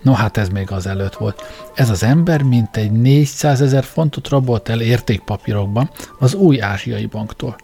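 A man voicing a cheerful, confident young man with a brisk, upbeat delivery. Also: mid-range voice, vocal fry, warm tone, soft background music, close to an everyday voice. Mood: eager.

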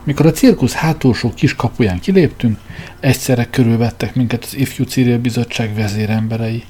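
A man narrating a humorous novel in a measured, expressive storytelling manner. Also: medium pitch, a little hiss or hum. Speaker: audiobook narrator.

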